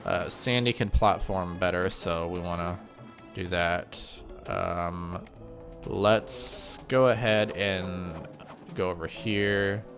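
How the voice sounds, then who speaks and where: A gaming channel host gives a casual, rambling walkthrough of a video game, full of ums and self-corrections. His low voice sounds slightly nasal and congested from mild sinus trouble, a bit bright, and he takes his time. Soft music plays in the background.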